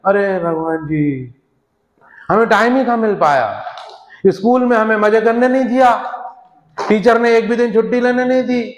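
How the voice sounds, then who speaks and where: A naive retired man in his seventies, as a speaker acts him out, who rambles through plaintive excuses before God. His voice is raised and high, and it echoes in a hall with a long reverb. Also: normal speed, pauses often, lightly acted. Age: 70s.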